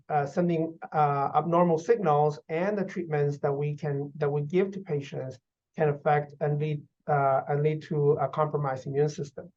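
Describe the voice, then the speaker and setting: A man in his thirties from Guatemala, a physician researcher answering interview questions in measured explanations with many fillers. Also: fairly high pitch, darkish tone. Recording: dull lo-fi audio.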